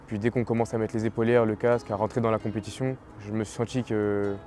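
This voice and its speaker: Young man from French Guiana, low voice. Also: fast. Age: 20s. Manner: relaxed, talks plainly with fillers. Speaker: young athlete interviewee. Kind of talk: casual interview. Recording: interview with faint music underneath.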